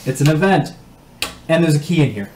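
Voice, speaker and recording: A man hosting a board game session, reading card text aloud in a casual, halting way. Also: on the high side, animated, a little mellow. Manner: reads game cards aloud, halting restarts. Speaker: board game player and host. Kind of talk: casual game-table chat. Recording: roomy table recording, faint noise.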